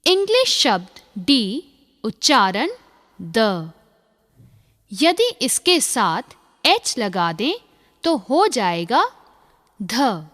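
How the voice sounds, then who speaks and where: A woman narrates a phonics lesson, spelling out each sound with unhurried, deliberate care. Her pitch sits fairly high and moves about a lot, and she speaks very slowly. A long reverb trails behind her voice. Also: very animated, fairly bright tone. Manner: slow, deliberate, measured. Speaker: phonics teacher. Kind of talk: slow scripted lesson narration.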